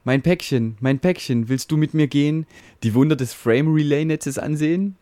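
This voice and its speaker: A man's voice: on the high side, moderate pace, mellow, no echo, voice pushed up, lightly acted. A man voicing a boastful, fatherly network router in a rhyming comic ballad, reciting in a soothing, self-important way.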